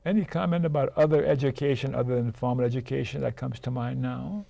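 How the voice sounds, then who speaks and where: A man's voice: mid-range voice, steady tone, fast talker, vocal fry, dark tone, no room sound. An older man hosting an interview, asking questions in a chatty way with joking asides. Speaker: interview host.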